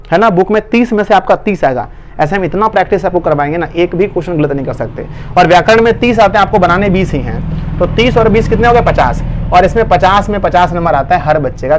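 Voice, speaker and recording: A male online tutor with a Bihari Hindi accent, giving an urgent, coaxing exam-prep lesson to students. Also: high voice.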